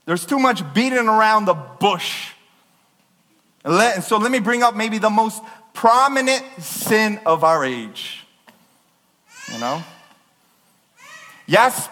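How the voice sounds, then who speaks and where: A man preaching with fervent, emphatic force, his fairly high voice rising and falling in wide swings. His words ring out with a long reverb that fills a large church. He pushes hard on key words, nearly yelling. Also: lively intonation, slow, pauses often. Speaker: pastor. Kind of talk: sermon.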